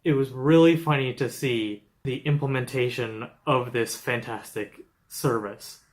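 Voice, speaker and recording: A man's voice: mid-range voice, a little slow. A young man from Canada narrating a scripted travel vlog, explaining things steadily with light humor. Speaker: travel vlogger.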